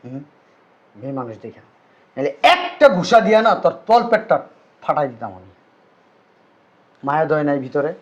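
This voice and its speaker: An enraged brother home after twenty years abroad, played by a man, scolding in a Bangladeshi Bengali accent. His voice sits high and swings widely as he hammers out angry questions. The sound is dull and lo-fi. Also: big pitch swings, normal speed, long pauses. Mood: furious. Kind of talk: amateur short drama acting.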